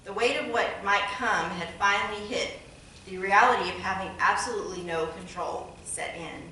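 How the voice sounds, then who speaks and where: A woman's voice: mid-range voice, normal speed, sharp tone, a little hiss or hum. A woman speaker at a patient support event, reading her prepared personal story in an earnest, candid way with wry asides. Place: event hall. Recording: very echoey hall, mic far off.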